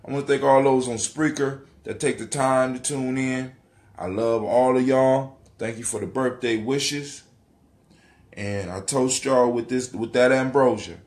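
In a dim living room, a middle-aged American man runs a casual livestream monologue, captured by a phone or webcam at arm's length. He has a medium-pitched, unhurried, slightly mellow voice, chatting conversationally while casually swearing and repeating phrases for emphasis.

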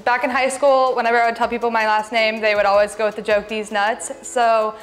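A woman's voice: fairly high pitch, level tone, fairly quick. A young woman speaking as a guest on a TV show, a little shy and giggly, on a lapel mic in a studio. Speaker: guest, small business owner. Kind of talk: TV interview answers. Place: TV studio set.

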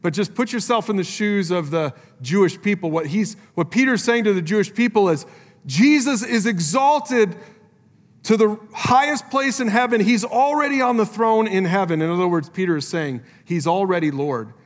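Earnest male pastor preaching in a reverberant church. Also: moderate pace. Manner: earnest, rises high for emphasis then drops low and soft. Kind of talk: sermon. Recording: live church sermon with long hall reverb and faint music.

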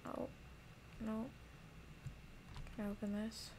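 A young woman streams a game, joking casually with her chat and dropping to a whisper while hiding. Her mid-range voice is completely flat and she speaks slowly. Background noise is present.

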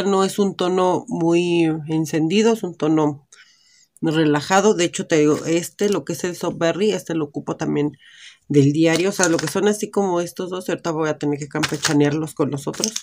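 A woman with a Mexican accent, chatting casually and thinking aloud while she tries on lipsticks at home. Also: low-pitched. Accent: Mexican Spanish. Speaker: beauty vlogger. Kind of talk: casual lipstick try-on vlog. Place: indoors at home, natural light.

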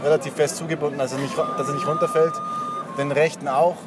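A man's voice: on the high side, level tone, fast talker. A young man telling long-winded, pointless stories to passersby, full of fillers and carrying on over interruptions. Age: young adult. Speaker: street prankster. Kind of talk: rambling, deliberately pointless storytelling to passersby. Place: outdoors on a busy city street. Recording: noisy busy street, traffic ambience.

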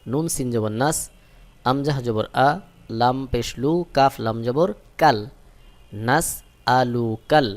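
A man teaching Quran reading, spelling Arabic prayer words letter by letter and then slowly chanting each joined word. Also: mid-range voice. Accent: Bangladeshi Bengali.

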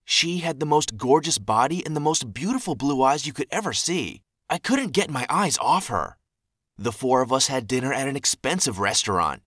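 A young man narrating a scripted animated story and voicing the people he quotes. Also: mid-range voice, normal speed, dry recording, clean studio sound.

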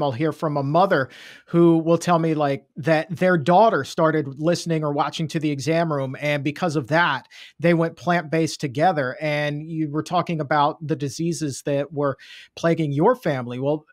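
A man's voice: on the high side, dry recording. A man in his thirties hosting a podcast from his studio, talking in an enthusiastic, conversational way with emphatic remarks. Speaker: podcast host. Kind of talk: casual interview chat. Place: home studio room. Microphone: studio mic, video call.

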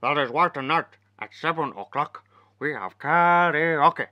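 A man playing a brash hotel owner who puts on a Scottish accent, loud, jolly and leering. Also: a little high, measured pace, no room sound, dull audio, natural voice. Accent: put-on Scottish.

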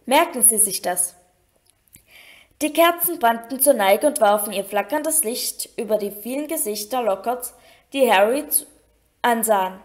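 A woman reading a storybook aloud in an expressive way. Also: fairly high pitch, normal speed. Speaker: audiobook reader.

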